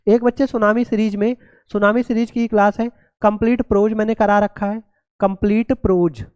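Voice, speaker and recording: A man's voice: high voice, steady tone, normal speed, a little mellow, clear, resonant tone, no echo. A male teacher giving an exam-prep grammar lesson, often calling his students "children" and spelling words letter by letter.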